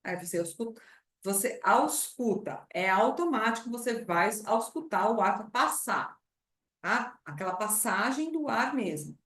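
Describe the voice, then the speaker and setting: A Brazilian woman teaching speech therapists, lively, acting out how she talks to a patient at the bedside. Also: medium pitch, unhurried, roomy sound. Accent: Brazilian Portuguese. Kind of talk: clinical lesson with acted patient dialogue.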